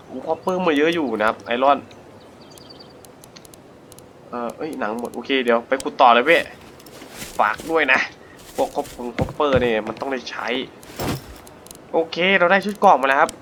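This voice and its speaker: A man hosting a gaming channel, giving casual let's-play commentary in a jumpy, excitable way as he plays. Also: mid-range voice, a little hiss or hum. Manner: excitable, jumpy, talks to himself while playing.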